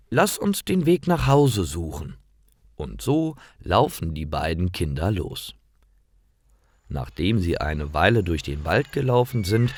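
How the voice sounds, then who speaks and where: A man narrating a fairy tale slowly and clearly for language learners. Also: low-pitched, dry recording, studio quality. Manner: slow, clear, lively storytelling. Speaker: storyteller.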